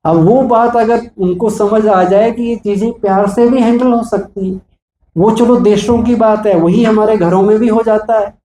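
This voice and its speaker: A man delivers a preachy motivational talk to police staff, asking rhetorical questions as he goes. His voice sits high but sounds mellow and dark. It echoes through a hall with faint background ambience. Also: fairly even intonation, moderate pace, slight background noise. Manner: preachy, asks rhetorical questions, acts out examples. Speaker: spiritual motivational speaker.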